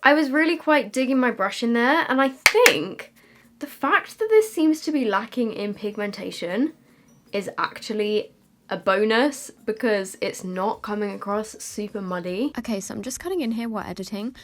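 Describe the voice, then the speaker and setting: A woman's voice: a little high, expressive, moderate pace, a bit bright. A young British woman with a slight lisp from wearing a retainer, chatting casually and self-deprecatingly to camera in a makeup review. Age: young adult. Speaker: beauty vlogger. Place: small decorated room indoors.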